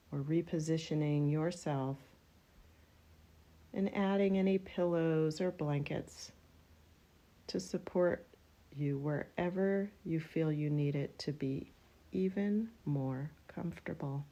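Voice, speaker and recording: A low-pitched woman guides a yoga nidra relaxation, giving unhurried instructions in gentle, widely spaced phrases.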